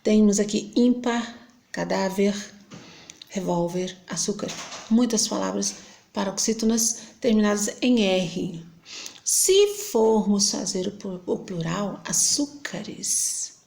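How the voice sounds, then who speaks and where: A woman with a Brazilian Portuguese accent teaching a grammar lesson, patiently explaining and often checking in with quick questions. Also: mid-range voice, creaky, a little mellow.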